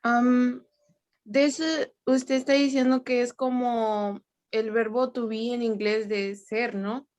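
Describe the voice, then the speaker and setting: A woman's voice: on the high side, level tone, slow pace, darkish tone. A woman student asking the teacher a polite, hesitant question in an online class. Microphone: video call.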